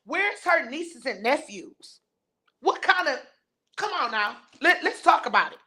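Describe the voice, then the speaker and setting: Hosting a live stream, this woman reads her viewers' chat and fires back with blunt, scornful ranting. Her high-pitched voice is very animated, pushed and bright, and she speaks a little slowly.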